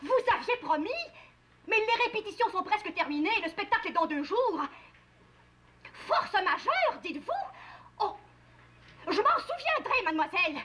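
A woman's voice: extremely high pitch, sing-song, normal speed, long pauses, sharp tone, full character voice. A woman voicing a fussy, dramatic woman theatre director who talks in an exasperated, theatrical way, in 1960s children's TV puppet acting. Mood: indignant.

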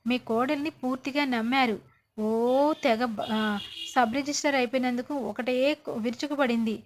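A woman's voice: sits high, fairly even intonation, moderate pace, slight background noise, natural voice. A woman voicing a scheming, gloating middle-aged woman relative in a retold serial, sly and needling.

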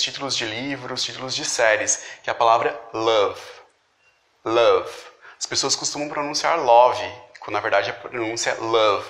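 Man slowly teaching word sounds, echoey room. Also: fairly high pitch, bright, forceful tone. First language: Portuguese. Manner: slow, deliberate repetition of example words. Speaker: pronunciation tutor. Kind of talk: instructional explanation.

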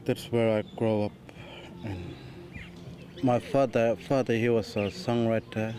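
A man from Central Australia talking in a documentary interview, soft-spoken and halting. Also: lowish voice, fairly even intonation. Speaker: musician interviewed in a film. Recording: film soundtrack with guitar music.

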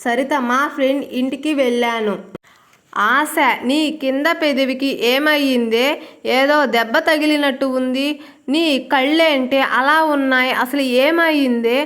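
A woman's voice: high voice, fairly even intonation, a little slow, fairly bright tone. A woman reading a worried younger sister. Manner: probing questions.

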